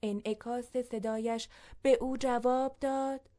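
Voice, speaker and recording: A woman reads a story aloud as narrator. Her pacing is measured and even. Her voice sits a touch higher than most.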